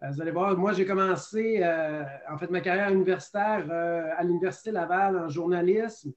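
Thirties Quebec French man, high-pitched and upbeat, webinar guest over muffled webcam audio. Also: moderate pace. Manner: lively, self-deprecating, many fillers. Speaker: teacher guest. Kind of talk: webinar testimony. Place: home office. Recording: dull lo-fi sound.

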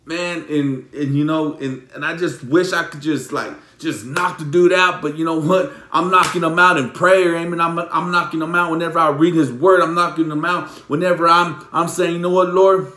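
A man preaching a sermon as a pastor, emotional and repetitive, with many restarts, moving between loud preaching and hushed pleading. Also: a little high, steady tone, normal speed, hardly any pauses, reverberant.

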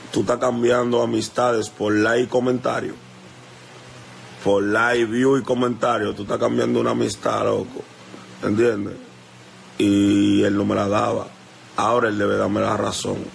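Young Dominican man, livestream call-out, low gravelly voice, repetitive and confrontational, faint background hiss. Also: flat delivery, unhurried, long pauses. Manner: confrontational, repetitive, keeps asking "you understand?". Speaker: musician addressing a rival. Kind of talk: heated livestream rant. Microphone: phone livestream.

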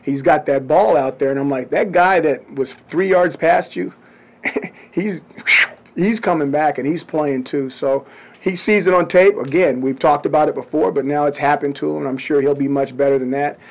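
A middle-aged man, a head football coach, giving blunt, measured answers at a postgame press conference into table microphones. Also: a little high, vocal fry, darkish tone. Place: press room before a branded backdrop.

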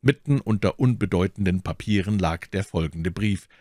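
A man reads a classic novel aloud at an even, measured storytelling pace. His voice is fairly low, and the recording is close and dry with no room sound. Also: no echo. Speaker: audiobook reader. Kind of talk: scripted audiobook narration.

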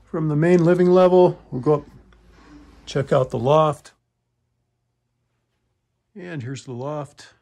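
A man with a fairly high, creaky voice and a dark tone narrates a walk through a wooden townhome as a real estate agent, speaking slowly and pausing often. He lists features in clipped phrases, and the recording's highs are cut off.

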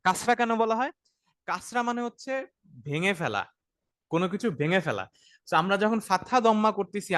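A man with a fairly high voice explains grammar patiently, going back over each point and checking in with his listeners. The sound is dry and close, with no room around it. He slips English words into his explanations. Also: fairly bright tone, no room sound. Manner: patient, repeats points and asks "ঠিক আছে?" often; mixes English words into Bengali. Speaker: Arabic grammar teacher. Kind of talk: explanatory online class.

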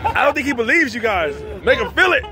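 A man vlogging a night out with excited, slangy casual chat, hyping up friends. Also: very high voice, quick pace. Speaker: vlogger behind the camera. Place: outdoors at night on street and rooftop bar. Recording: loud outdoor nightlife crowd and traffic.

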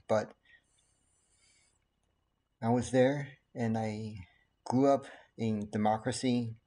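Calm, earnest man in his forties. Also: on the low side, gravelly. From Taiwan. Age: 40s. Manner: calm, earnest, measured with frequent fillers. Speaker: pediatrician. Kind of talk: casual talk to camera. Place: living room at home. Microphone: laptop webcam.

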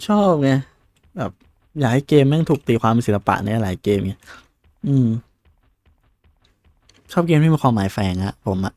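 A man giving casual, excitable gameplay commentary, swearing casually and exclaiming often. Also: mid-range voice, dry recording. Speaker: gaming video creator. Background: faint game soundtrack.

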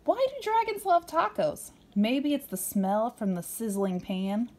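Female storybook reader, animated and playful, swooping intonation, speaking to a small child. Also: fairly high pitch, a little slow, a little hiss or hum. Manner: playful, expressive, with dramatic emphasis. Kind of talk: animated read-aloud to a young child.

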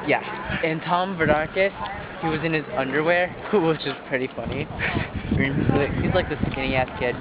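Young male, late teens, higher voice, rambling and giggly, captured on old camcorder audio outdoors. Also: normal speed. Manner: rambling and giggly, many fillers. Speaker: student retreat leader. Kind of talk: casual home video chat. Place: outdoors on a hike. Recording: tinny lo-fi camcorder audio with loud outdoor noise.

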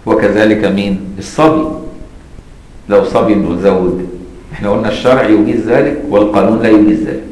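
A fairly low-voiced man with an Egyptian accent teaches jurisprudence in a casual, explanatory way. He checks in with his students again and again. The room around him rings with echo. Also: steady tone, a little fast, a little mellow. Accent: Egyptian Arabic. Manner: explains in colloquial asides and keeps asking "got it?". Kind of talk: classroom lesson on a legal text.

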